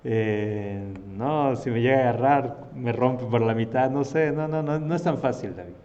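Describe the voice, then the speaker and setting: A man voicing a big, fearful king who hesitates and talks slowly. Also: mid-range voice, dark tone, in a large hall, muffled recording, close to an everyday voice.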